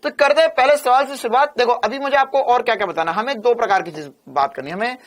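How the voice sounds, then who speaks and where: Playful, energetic male physics teacher. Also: extremely high pitch, quick pace. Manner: energetic, playful, teases and answers his own questions. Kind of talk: online exam-prep lecture.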